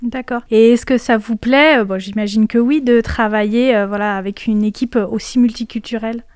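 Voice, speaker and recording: A woman with a smooth, slightly high voice, interviewing guests with polite, hesitant questions. Her voice is dry and close to the mic. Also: steady tone, moderate pace, a little mellow, no echo.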